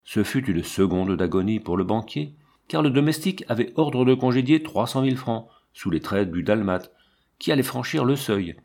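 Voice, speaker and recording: A man giving a measured, expressive narration of a literary audiobook. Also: medium pitch.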